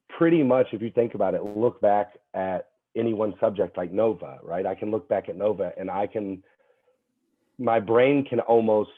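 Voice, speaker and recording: A young man, a fitness trainer appearing as a podcast guest, telling stories in an animated way, full of fillers and restarts. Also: on the low side. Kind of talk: casual chat. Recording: tinny phone-like call audio.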